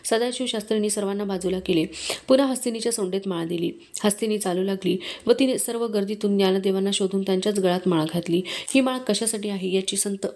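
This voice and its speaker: Woman reading a devotional story aloud. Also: mid-range voice. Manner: measured, steady storytelling. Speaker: book reader.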